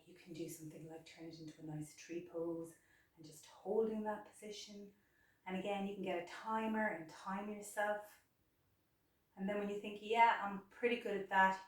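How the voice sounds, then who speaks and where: A woman's voice: mid-range voice, normal speed, darkish tone. A woman teaching yoga poses in a chatty, instructive way, a little out of breath, recorded from a distance. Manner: chatty, instructive, repeats words for emphasis. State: slightly out of breath. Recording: very echoey room, mic far off.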